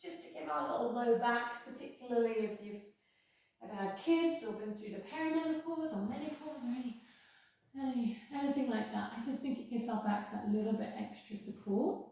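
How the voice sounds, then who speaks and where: A woman teaching a yoga class, guiding each step in a careful, unhurried, reassuring way. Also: on the high side, darkish tone. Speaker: yoga instructor. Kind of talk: guided yoga class instruction. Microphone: worn mic near the face. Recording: very echoey room, distant-sounding.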